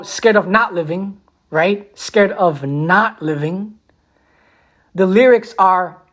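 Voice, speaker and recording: A beatboxer and musician chatting casually on a livestream, repeating titles slowly and humming melodies. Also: medium pitch.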